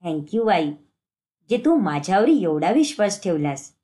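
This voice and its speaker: A woman voicing a sly teenage girl, the younger sister-in-law, who talks defensively and pleads in a lowered voice. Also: big pitch swings, unhurried, dark tone. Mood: defensive pleading.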